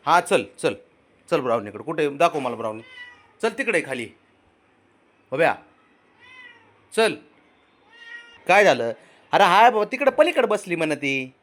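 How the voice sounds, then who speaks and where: A man's voice: a little high, big pitch swings, unhurried, pauses often. A man filming his pets, coaxing and questioning his cat in a sing-song baby-talk voice. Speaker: pet owner filming his cats. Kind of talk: casual pet vlog.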